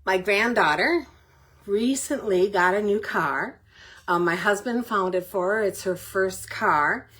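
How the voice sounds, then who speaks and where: An older woman chats on a home craft livestream, still a bit out of breath. She talks in a friendly, rambling way and stops to greet each viewer by name. Her pitch sits at a middle height for a woman. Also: measured pace, fairly bright tone, husky. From Middle Tennessee, United States. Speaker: paper crafting livestream host. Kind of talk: casual livestream chat.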